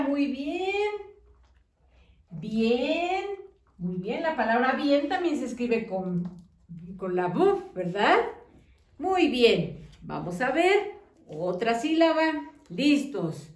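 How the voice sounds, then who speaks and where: Woman, teacher, children's phonics lesson, sing-song, drawn-out syllables, wide pitch swings, echoey room. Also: big pitch swings, distant mic.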